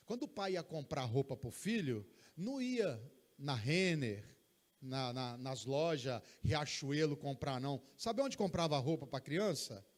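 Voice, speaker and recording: A male pastor with a Brazilian Portuguese accent preaching an emphatic, animated sermon in a church service. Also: medium pitch. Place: church service, streamed live.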